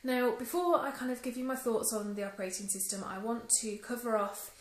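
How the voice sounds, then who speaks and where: Holding her phone at arm's length, a woman records a casual phone review vlog, chatty, full of ums, and mildly disappointed. Her voice is on the high side and brisk, captured as a rough recording in an echoey room.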